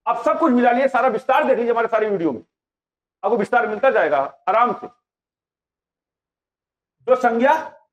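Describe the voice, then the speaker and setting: Guy teaching grammar to a classroom, very high voice, keeps asking the class questions, muffled lo-fi sound. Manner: quizzing students with repeated questions. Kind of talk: classroom lecture. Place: classroom with live students. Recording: dull lo-fi sound.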